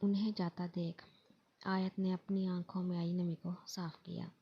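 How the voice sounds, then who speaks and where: A woman narrating a romance novel in a steady storybook reading. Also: on the low side, a little slow, breathy edge. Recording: dull lo-fi voice recording.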